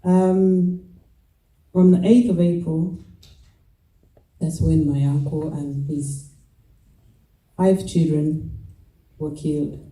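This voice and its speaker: A woman of about forty with a Rwandan accent gives a halting, reflective personal testimony, with many pauses and restarts. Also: deep voice, warm tone. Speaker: genocide survivor giving a testimony. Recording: roomy echo, mic at a distance.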